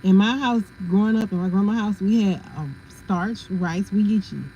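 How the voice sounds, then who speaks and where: Woman host, mellow easygoing chat with viewers, dull lo-fi stream with faint hum in the background. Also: mid-range voice, normal speed. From family from South Carolina. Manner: chatty, laughs often, answers viewer comments. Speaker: livestream host. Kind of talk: casual livestream chat.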